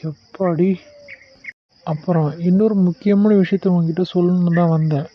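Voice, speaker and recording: A man voicing Aravind, a protective young husband who comforts and gently scolds his wife. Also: sits high, fairly even intonation, moderate pace. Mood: comforting. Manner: comforting, coaxing, affectionate scolding. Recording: dull lo-fi sound.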